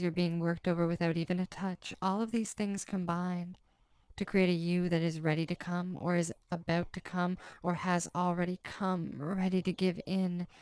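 A woman hypnotist guides the listener in a slow, repetitive, commanding trance delivery. Her voice is lowish and smooth, kept flat and even. The recording is dry and close. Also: dry recording. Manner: authoritative, commanding.

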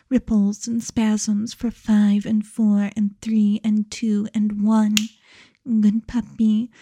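A female hypnotist talks slowly and commandingly in hushed tones, frequently slipping into a whisper right up against the mic. She has a mid-range voice, recorded without echo.

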